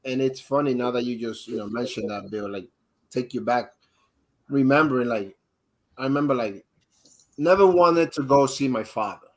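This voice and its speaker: A man from the Dominican Republic, a guest on a live interview, telling his own story in a halting way with many restarts and fillers. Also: medium pitch, poor audio. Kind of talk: candid personal storytelling.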